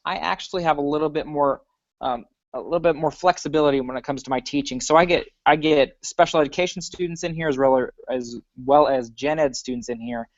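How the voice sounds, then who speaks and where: Man, teacher guest, friendly, slightly halting, fairly high voice, dry lo-fi audio. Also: dry recording. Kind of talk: casual livestream chat.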